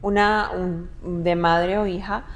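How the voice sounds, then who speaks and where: A young adult woman talking casually with her mother, often pausing and restarting as she searches for words. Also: on the low side, fairly even intonation, lo-fi sound. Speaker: guest, adult daughter. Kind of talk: casual podcast conversation.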